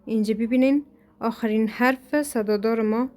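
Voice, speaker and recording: A woman's voice: on the high side, a little mellow. Woman teaching from a textbook, Afghan Dari accent. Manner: reads examples aloud, then explains slowly step by step. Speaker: Turkish language teacher. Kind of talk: recorded textbook lesson.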